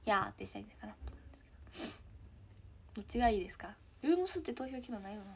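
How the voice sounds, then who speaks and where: A woman's voice: medium pitch, animated, racing, creaky, husky. Giggly teen girl with a Kansai accent. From Hyogo, Japan. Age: teens. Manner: chatty, giggly, trails into soft murmurs. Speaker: idol trainee streaming to fans. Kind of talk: casual live-stream chat.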